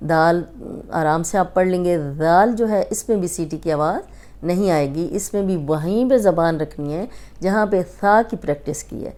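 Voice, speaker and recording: A woman's voice: sits low, a little mellow. Patient woman teaching Quran letters. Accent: Pakistani Urdu. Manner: patient, repeats and stretches each letter sound. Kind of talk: slow Urdu tajweed lesson with drawn-out letter sounds.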